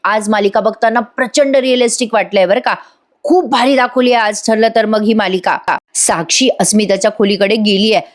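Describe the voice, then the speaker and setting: A woman's voice: mid-range voice, fairly even intonation, moderate pace. A woman narrating a voice-over episode recap, chatty and talking straight to viewers. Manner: chatty, addressing viewers directly. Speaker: TV serial reviewer.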